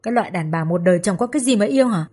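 A woman voicing a shrill jilted fiancée. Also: expressive, rapid-fire, dark tone, slightly rough. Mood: furious. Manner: shrill, screaming, insulting. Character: jealous furious young woman, jilted fiancée.

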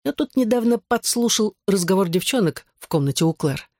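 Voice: mid-range voice, animated, a little fast, a little mellow, no room sound, studio quality, voice pushed up. A narrator voicing a cheeky, meddling teenage boy in an audiobook, teasing and theatrical. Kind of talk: audiobook character voice.

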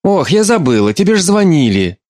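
A man's voice: a little high, very animated, fairly quick, darkish tone, no room sound, studio quality, pitched above the performer's own voice. A man voicing a distraught middle-aged mother who is crying and pleading in an audiobook. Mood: fussing.

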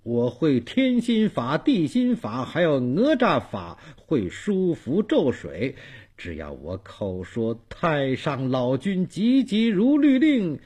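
A bragging old man from a spoken storybook, his voice leaping high and low as he boasts of spells against ghosts, as a male storyteller puts him on. The tone is husky, and he drags out his words slowly. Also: huge pitch swings, exaggerated voice. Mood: boastful. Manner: bragging then panicky shouting.

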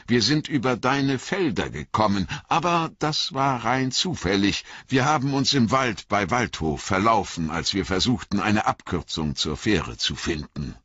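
A man's voice: on the low side, expressive, measured pace, few pauses, a bit bright, husky, no room sound, muffled recording, voice pushed up, exaggerated voice. A man voicing a cheerful young male hobbit in an audiobook, sounding eager and friendly.

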